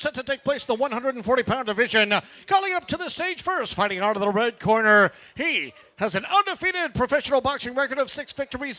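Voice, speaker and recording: A man working as a ring announcer at a boxing weigh-in, in a showy delivery with drawn-out, shouted names. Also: very high-pitched.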